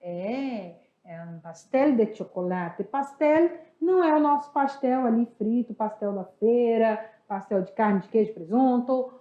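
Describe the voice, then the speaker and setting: A young Brazilian woman teaching a Spanish class, lively and slow, repeating each word to drill it. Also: mid-range voice. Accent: Brazilian Portuguese. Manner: lively, drills words slowly and repeats them. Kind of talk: recorded online class. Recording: echoey room, dull lo-fi audio.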